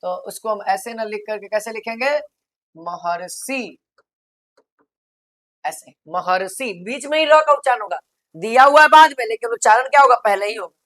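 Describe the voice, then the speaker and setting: A woman teaching a grammar lesson for exam preparation. She asks the class questions, answers them herself, repeats them again and again, and draws out example words slowly. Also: medium pitch, a bit bright.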